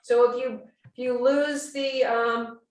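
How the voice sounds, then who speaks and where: A woman's voice: a little high, steady tone, slow. A woman hosting an online cooking class, talking in a casual, chatty, exclamatory way over a video call. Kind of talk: casual livestreamed cooking demonstration chat. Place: indoors at home, on a video call. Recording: roomy, distant-mic video-call sound.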